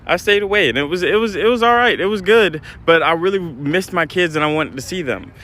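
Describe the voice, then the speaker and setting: A man's voice: sits high, expressive, fairly quick, bright, forceful tone, rough recording. A middle-aged man telling a painful personal story in an earnest, hurt, plain-spoken way. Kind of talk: personal story told to camera.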